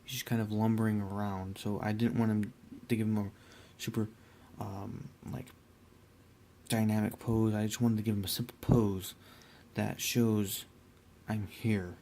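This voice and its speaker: A young man casually talking through his hobby work, rambling and relaxed with many fillers and restarts. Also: on the low side, normal speed, a little hiss or hum. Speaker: miniature painter.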